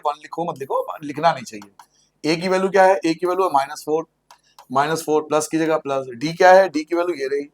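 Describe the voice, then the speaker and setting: A man teaching a school maths lesson to students, asking questions and answering them himself, repeating each step in a sing-song way and joking with the class. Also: fairly high pitch. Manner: playful, jokes with the class.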